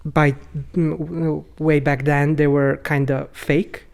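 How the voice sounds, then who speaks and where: A man from Bulgaria, speaking as a podcast guest in a hesitant, halting way with many filler sounds. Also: on the high side, little pitch movement, vocal fry, darkish tone, smooth. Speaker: podcast guest, rope bondage instructor. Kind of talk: casual conversational interview.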